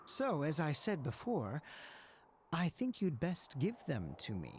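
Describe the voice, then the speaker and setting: A man doing a haughty, measured knight. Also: on the high side, wildly swooping pitch, a little hiss or hum. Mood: aloof. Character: cold, formal young male knight, secretive. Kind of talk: dramatic reading of game dialogue.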